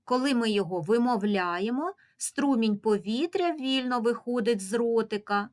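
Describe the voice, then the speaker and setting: A woman's voice: fairly high pitch, animated, moderate pace, a little mellow. A woman teacher giving an early reading lesson to young children, patiently sounding out syllables and single sounds.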